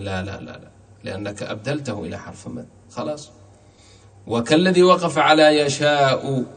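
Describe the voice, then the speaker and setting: A man teaching the rules of Quran recitation. He slowly repeats short recited examples to demonstrate how each sound should be pronounced. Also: medium pitch. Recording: distant mic in a reverberant hall.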